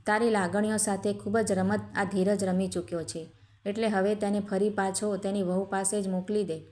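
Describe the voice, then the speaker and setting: A woman's voice: mid-range voice, level tone, normal speed, a little mellow, natural voice. A stern older village-head father, read by a woman. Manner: stern, reproachful.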